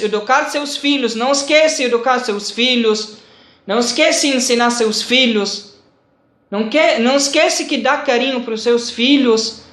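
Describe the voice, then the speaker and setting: A man giving a religious lesson, speaking slowly and haltingly in simple phrases with many repeats. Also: high-pitched, fairly bright tone. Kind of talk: sermon-like lesson. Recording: echoey room.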